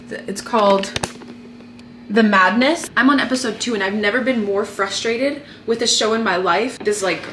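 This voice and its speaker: A woman's voice: on the high side, pushed and bright. A young woman talking casually to her camera while making breakfast at home, full of "like" fillers. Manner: chatty, lots of "like" fillers. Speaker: vlogger. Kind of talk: casual vlog chat. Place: home kitchen. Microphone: handheld camera mic. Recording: echoey room with faint noise.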